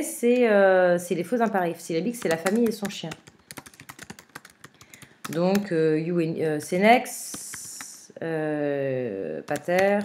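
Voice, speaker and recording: Low-voiced woman teaching a Latin lesson. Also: a little mellow, slight background noise. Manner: hesitant, with frequent "euh" fillers and restarts; reads Latin slowly, then glosses it word by word. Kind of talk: remote lesson, explaining a translation.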